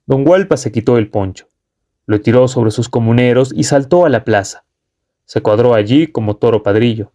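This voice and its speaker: A man reading a short story aloud as an audiobook narrator, steady and measured. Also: mid-range voice.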